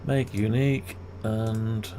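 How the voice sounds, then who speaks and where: A man with a low voice takes his time, quietly muttering and questioning himself while showing off design work. As a video creator demonstrating CAD, he speaks unscripted, thinking out loud over keyboard typing and steady background noise.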